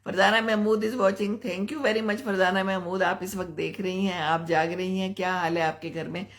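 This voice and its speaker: An older woman from Pakistan, hosting a live stream and giving gentle advice while answering viewers' comments. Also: medium pitch, steady tone, moderate pace. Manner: gentle, advising, chuckles often.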